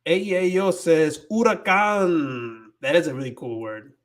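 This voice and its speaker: Slow-talking, slightly high-voiced man streaming. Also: expressive, darkish tone. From United States. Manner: switches between Spanish and English, stumbles and searches for words. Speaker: livestream host teaching Spanish. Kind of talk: casual livestream chat reading viewer comments.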